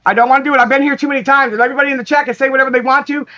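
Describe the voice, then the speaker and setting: A woman's voice: high-pitched, steady tone, racing, bright, forceful tone, lo-fi sound. A woman calling into a livestream, apologizing in a pleading voice and repeating herself. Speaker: guest calling in.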